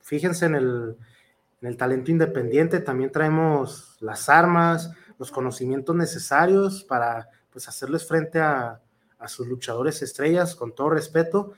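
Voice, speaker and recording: In a measured, fairly high voice, a Mexican-accented professional wrestler fields interview questions. His replies are heartfelt yet rambling, full of fillers and restarts.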